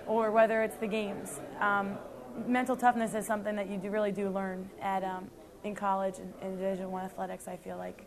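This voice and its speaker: A young woman, a CrossFit athlete, giving earnest interview answers with frequent ums and restarts. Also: medium pitch.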